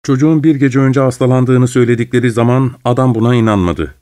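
Man narrating a novel, steady voice. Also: mid-range voice, fast talker. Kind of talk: audiobook narration.

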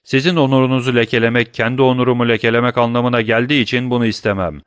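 A man's voice: medium pitch, flat delivery, racing, clean tone, no echo, studio quality, lightly acted. A man reading as a stern, accusing prosecutor. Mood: scornful. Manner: forceful, cutting, accusatory. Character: stern middle-aged male prosecutor, coldly accusing. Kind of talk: audiobook reading.

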